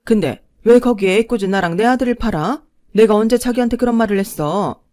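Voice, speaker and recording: A woman's voice: on the high side, a little fast, mellow, dry recording, clean studio sound, natural voice. A woman voicing an indignant gossipy neighbor lady. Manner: scolding, indignant. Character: angry gossipy middle-aged neighbor woman.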